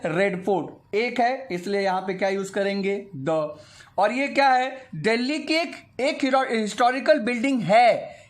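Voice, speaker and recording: A young man teaching a grammar lesson in a high voice. He is patient and methodical, repeating each word aloud to model its sound. He slips English phrases into his explanation as he goes.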